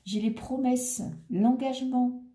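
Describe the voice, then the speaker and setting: A woman's voice: high voice, fairly even intonation, takes it slowly, warm tone, echoey room. A woman reading tarot cards in a chatty, reassuring way, thinking aloud as she turns them. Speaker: tarot reader. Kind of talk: casual tarot reading monologue.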